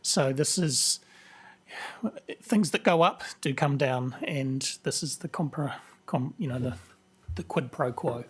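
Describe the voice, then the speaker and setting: A council finance officer with a New Zealand accent explaining accounts at a meeting in a halting, eager way, with many restarts. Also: mid-range voice, slightly rough. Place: council chamber.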